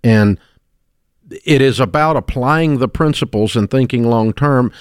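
A folksy Southern radio host in his sixties tells stories with plenty of restarts and stumbles. His voice sits at an ordinary middle pitch. The studio sound is dry and close, with no room echo. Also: a little slow, smooth. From American South. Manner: folksy storyteller, frequent restarts. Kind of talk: casual radio talk.

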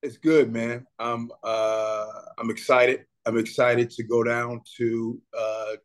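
A man guesting on a sports talk show, speaking in an animated, motivational way and calling the host man and brother. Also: mid-range voice, takes it slowly. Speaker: guest, player's father. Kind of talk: casual sports interview.

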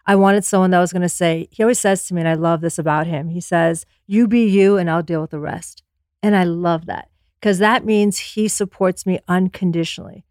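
Low, steady-voiced woman guest. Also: a little fast, dry recording, studio quality. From Afghanistan, raised in the US. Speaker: podcast guest, entrepreneur. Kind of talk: candid interview conversation.

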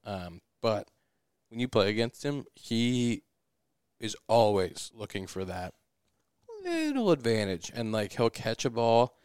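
A man's voice: lowish voice, very animated, measured pace, darkish tone, smooth, no echo, studio quality. A man hosting a casual podcast chat in person, talking in an easygoing, rambling way. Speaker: podcast host and pro baseball player. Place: studio, in person.

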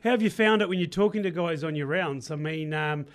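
A man's voice: on the high side, brisk. A New Zealand man hosting a casual farming radio interview in a studio, speaking in informal, laid-back colloquial phrases.

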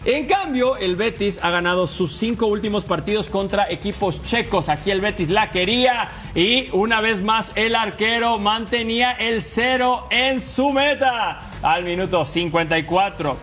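Male sports highlights host, high-pitched, emphatic and chatty, music underneath. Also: measured pace, fairly bright tone. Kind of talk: football highlights narration over match clips. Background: background music.

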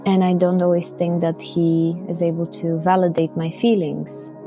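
A woman, a listener explaining her question hesitantly, with many pauses and restarts. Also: fairly low pitch, little pitch movement, music in the background. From Bulgaria.

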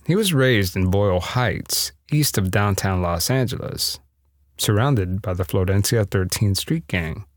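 A man's voice: fairly low pitch, lively intonation, measured pace, no room sound, clean studio sound. A man narrating a scripted true-story podcast with a dramatic storytelling delivery.

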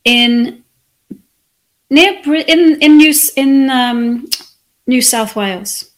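A woman from England, reflecting on her life as an interview guest in a soft, thoughtful way. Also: high voice, slow. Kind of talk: conversational interview.

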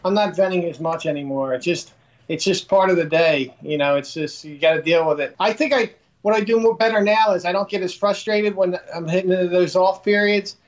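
A man guest talking casually in a halting, self-deprecating way, often repeating words. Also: high-pitched, muffled recording. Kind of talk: casual interview talk.

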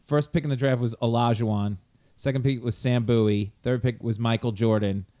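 Man chatting in a mid-pitched voice. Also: fairly even intonation, brisk, dark tone. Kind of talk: casual chat, personal anecdotes.

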